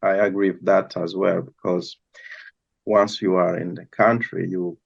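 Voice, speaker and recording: A man hosting an interview, asking measured questions and affirming the guest. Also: deep voice, flat delivery, creaky, slightly rough. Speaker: interview host. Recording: dull, muffled recording.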